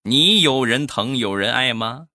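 A man doing a calm deadpan father. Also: mid-range voice, a little slow, very noisy, pitched above the performer's own voice, close to an everyday voice.

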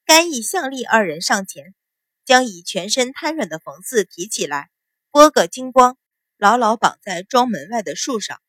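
A woman narrating a dramatic novel in a steady, vivid storytelling manner. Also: fairly high pitch, moderate pace, no room sound. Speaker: audiobook narrator.

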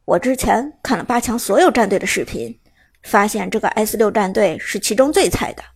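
A woman's voice: mid-range voice, lively intonation, a little fast, slightly rough. A woman voicing a cold, arrogant young male college gaming star who talks down to his rivals. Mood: haughty. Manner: cool and arrogant.

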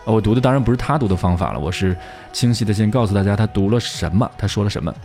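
Chatty male English teacher, very deep voice. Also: expressive, very fast, darkish tone, faint music behind. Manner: chatty and self-correcting, with many fillers. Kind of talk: casual online English lesson.

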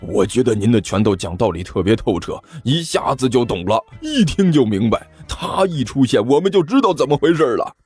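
A man's voice: mid-range voice, expressive, a little fast, few pauses, a little mellow, husky, soft background music. A man voicing a sly, cowardly male thug leader who whines and wheedles. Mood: wheedling. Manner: wheedling, whiny.

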